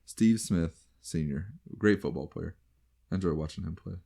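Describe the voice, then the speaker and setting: A man with a low voice and a light Southern US accent, chatting casually as a co-host. He rambles and keeps trailing off and starting his sentences again. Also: moderate pace, gravelly, warm tone. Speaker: podcast co-host. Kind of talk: casual chat.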